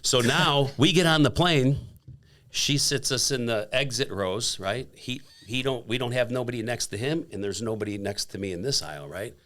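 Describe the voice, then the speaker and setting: A man in his fifties, a podcast guest, telling a story in a casual, animated way and acting out the quotes. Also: medium pitch, normal speed. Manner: animated, acts out quotes with laughs.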